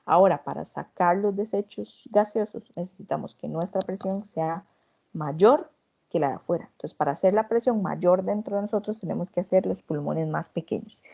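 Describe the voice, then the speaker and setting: A woman teaching an online anatomy lesson, explaining step by step and demonstrating, with filler words and quick self-corrections. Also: fairly low pitch, vocal fry, dark tone, highs cut off.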